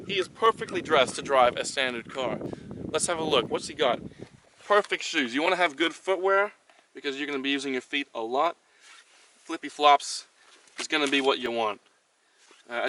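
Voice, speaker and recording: A man hosting a comedy vlog, explaining driving as a deadpan mock tutorial from inside a car. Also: medium pitch, far from the mic, background noise. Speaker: host.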